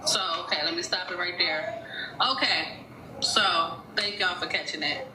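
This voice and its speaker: Running a casual livestreamed mock trial as judge and host, a woman summons jurors and keeps the room in order in a directive way. She speaks at a normal speed in a lowish voice with fairly even intonation, and the phone audio is echoey and noisy.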